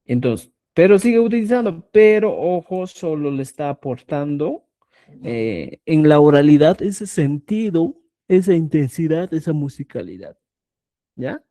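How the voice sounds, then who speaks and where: Slow, lively-voiced language teacher. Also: male voice, fairly high pitch. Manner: explains slowly, checks in with "¿ya?" after nearly every phrase; addresses students as "estimados amigos". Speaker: Quechua writing teacher. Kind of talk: online grammar lesson.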